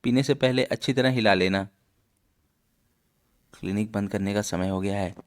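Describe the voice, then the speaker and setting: एक आदमी बनता दयालु nurse. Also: male voice, lowish voice, normal speed, natural voice. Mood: helpful. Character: kindly female clinic nurse.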